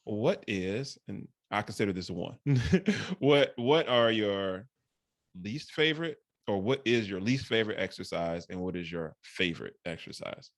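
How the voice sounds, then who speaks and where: A man with a fairly low voice hosts a casual interview, recorded dry with little room sound. He keeps affirming his guest with quick "right"s, and his questions ramble loosely before they land. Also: expressive, no room sound. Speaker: podcast host.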